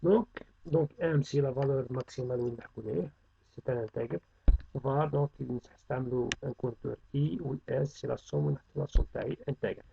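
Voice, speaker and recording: Brief: male teacher, quick delivery, gravelly fry, lo-fi dull recording. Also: medium pitch, dark tone, slight background noise. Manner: mixes French terms into Arabic speech. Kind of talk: programming lesson review.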